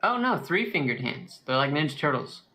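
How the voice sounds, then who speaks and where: A player in casual tabletop role-play speaks clearly and a little primly, with the pitch in a middle range. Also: sing-song, moderate pace, pushed and bright. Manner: prim, prides themselves on clear speech.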